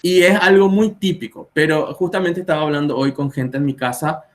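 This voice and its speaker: A man's voice: on the high side, steady tone, brisk. A man in his twenties with a Paraguayan Spanish accent, a Spanish teacher patiently explaining pronunciation with spoken examples on a live video stream. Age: 20s.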